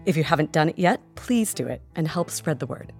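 A woman's voice: deep voice, animated, fairly quick, darkish tone, faint music behind. A woman co-hosting a scripted podcast conversation, talking in a thoughtful, emphatic way. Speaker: podcast co-host. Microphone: studio microphone.

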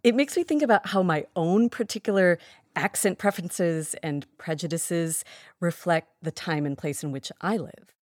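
A woman's voice: fairly low pitch, normal speed, no echo, clean studio sound. A woman co-hosting a scripted podcast conversation, talking in a thoughtful, emphatic way. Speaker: podcast co-host. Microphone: studio microphone.

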